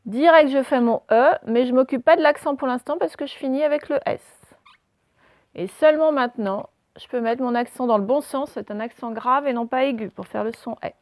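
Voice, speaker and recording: Patient schoolteacher, woman, higher voice, dry close phone sound, halting step-by-step explanations. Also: a little mellow, no echo. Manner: patient, step-by-step, with frequent hesitations. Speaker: primary school teacher. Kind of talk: remote reading and handwriting lesson for young children.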